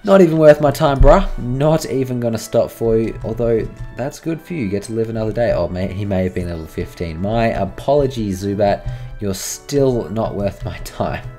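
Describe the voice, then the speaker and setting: Rambling man with a low, dark voice. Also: lively intonation, moderate pace, faint music behind. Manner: chatty, rambling, talks to his game creatures. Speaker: gaming channel host. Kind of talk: let's-play commentary.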